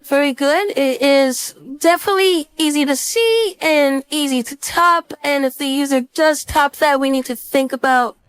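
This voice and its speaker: A design instructor, a woman with a high voice, gives a casual screen-share software tutorial, thinking aloud step by step. She speaks into a close mic with no room sound.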